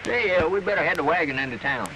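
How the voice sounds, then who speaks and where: An actor playing a folksy, rustic cowboy in a 1940s western film, with hesitant phrasing. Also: male voice, on the high side, quick pace, a crowd in the background, close to an everyday voice. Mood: friendly, folksy. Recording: noisy 1940s film soundtrack.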